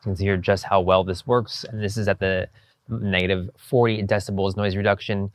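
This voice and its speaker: A man's voice: low-pitched, flat delivery, normal speed, dry recording, studio quality. A man reviewing gear out on a busy street, talking through a clip-on wireless mic with AI noise reduction switched on. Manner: upbeat, repeats "you can hear". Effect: AI noise reduction processing. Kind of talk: product demo walkthrough. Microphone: clip-on wireless lapel mic.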